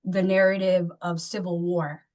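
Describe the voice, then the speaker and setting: Woman host from somalia, lowish voice, rambles and searches for words, lots of likes. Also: level tone, normal speed, darkish tone. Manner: rambling, searching, heavy use of "like" and "you know". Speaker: podcast host. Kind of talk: conversational interview.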